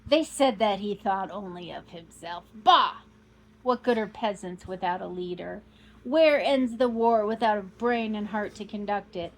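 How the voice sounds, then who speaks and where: A woman reading aloud as a proud, boastful old male count, declaiming grandly and rising to loud outbursts. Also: mid-range voice, moderate pace, close to an everyday voice, low-quality recording. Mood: fiery.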